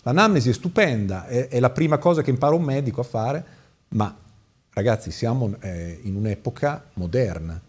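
A man's voice: mid-range voice, expressive, normal speed, husky. A man speaking as a doctor and studio guest on a talk show, critical and hesitant, with many fillers.

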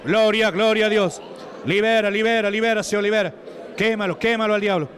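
A man from Peru with a Peruvian Spanish accent, preaching at a church deliverance service, shouting commands and chanting repeated praises. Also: high voice, fairly even intonation, fairly quick.

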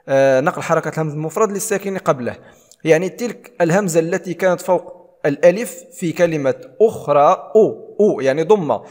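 Man teaching Quran recitation, reverberant hall. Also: a little high. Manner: explains rules, then recites verses slowly and drawn out. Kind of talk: tajweed lesson with recitation.

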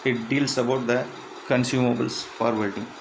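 A man reading interview questions and answers aloud in a plain, measured way, with slightly halting phrasing. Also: mid-range voice, little pitch movement, vocal fry, background noise. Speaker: instructor.

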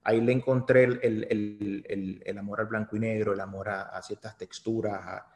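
A man's voice: fairly low pitch, level tone, normal speed. A Puerto Rican man in his forties, a photographer being interviewed, speaking reflectively with many restarts and repeated words. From Puerto Rico. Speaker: photographer guest. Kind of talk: casual interview. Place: small studio room. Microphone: desk mic. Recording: echoey room with long reverb.

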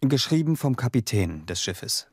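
A man playing a formal young doctor who narrates a radio drama in measured announcements. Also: mid-range voice, big pitch swings, close to an everyday voice. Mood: formal, composed.

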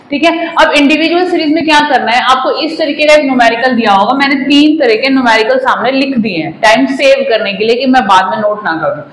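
Woman teacher in her 40s, high voice, echoey classroom, explains step by step. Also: a bit bright, a little hiss or hum. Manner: explanatory, mixes in English phrases, addresses students with "ji". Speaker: commerce teacher. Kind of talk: whiteboard maths lesson. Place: classroom in front of a whiteboard. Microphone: lapel mic.

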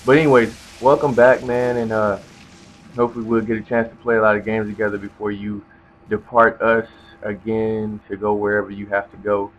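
A young man giving casual gameplay commentary in a rambling, hesitant, laid-back way. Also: lowish voice. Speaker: gamer commentator. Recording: dull lo-fi mic with loud noise.

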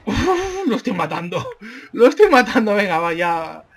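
A man with a Spain Spanish accent doing excitable let's-play commentary, yelling and swearing at the game. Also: high voice, unhurried. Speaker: gamer.

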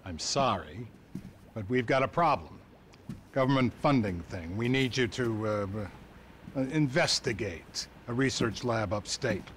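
A man's voice: medium pitch, animated, a little slow, slight background noise, lightly acted. A man playing an awkward apologetic agent. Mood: hesitant. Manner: hesitant, apologetic. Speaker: weary government agent character. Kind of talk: video game cutscene acting.

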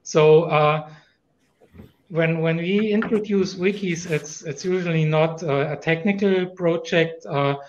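A man's voice: fairly high pitch, slow pace, lo-fi sound. A man with a German accent speaking as a panelist in a conference discussion over a video call, thoughtful, with many fillers and restarts.

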